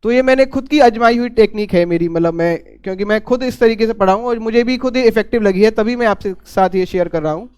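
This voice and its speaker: A young man talks through study advice in an earnest, casual way. His voice sits high and sounds smooth and clear, and he often pauses on fillers and restarts mid-phrase. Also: darkish tone. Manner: earnest, repeats himself, frequent fillers and restarts. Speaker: exam topper giving advice.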